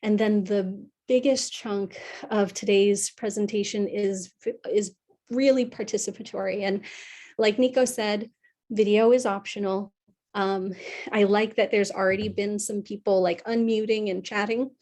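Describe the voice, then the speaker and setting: A young woman from California, a psychotherapist presenting an online workshop in an earnest, warm way, with many fillers and restarts. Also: mid-range voice, fairly even intonation, measured pace. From California, USA. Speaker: psychotherapist leading a wellness workshop. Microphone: video call.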